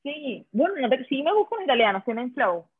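A woman's voice: high voice, very animated, brisk, husky, no room sound. A Venezuelan woman co-hosting a casual chat, slangy and self-assured, laughing often. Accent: Venezuelan Spanish. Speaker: podcast co-host. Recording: tinny phone-like dry sound.

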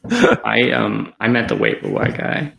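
A man co-hosting a casual tech podcast from a small attic meeting room. He talks in a loose, rambling way with many fillers, and the room gives his voice a clear echo. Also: mid-range voice, very animated, a little slow, a bit bright. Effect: echoey room sound. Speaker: podcast co-host. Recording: echoey room, remote podcast call.

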